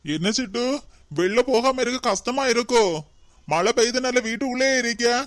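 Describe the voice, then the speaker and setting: A man's voice: very high-pitched, normal speed, no room sound. Man voicing a teasing cartoon husband. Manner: teasing, relaxed. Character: easygoing husband teasing his wife.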